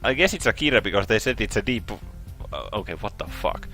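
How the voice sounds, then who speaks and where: A young man casually commenting while playing a visual novel, excitable and swearing often. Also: on the low side, a little fast, faint music behind, poor audio. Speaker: let's play host.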